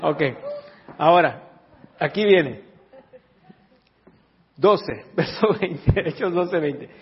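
A man preaches to a church congregation in a fairly high voice, reading scripture and then stepping away from the text to joke with his listeners. The recording sounds dull and lo-fi. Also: very slow. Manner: lively, joking asides to the congregation, reads scripture aloud. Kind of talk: sermon.

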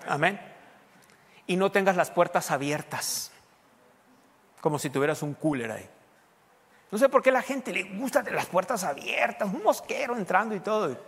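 A man preaching a sermon, talking conversationally and then pushing into loud, emphatic bursts. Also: high-pitched, expressive, moderate pace, pauses often, husky, big-room sound. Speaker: pastor.

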